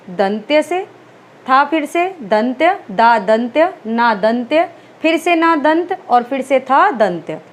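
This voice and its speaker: A woman teaching a Hindi grammar lesson for exam preparation. Her voice sits high, and she speaks slowly and deliberately, posing questions to the class and answering them herself. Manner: explains step by step, asks and answers her own questions.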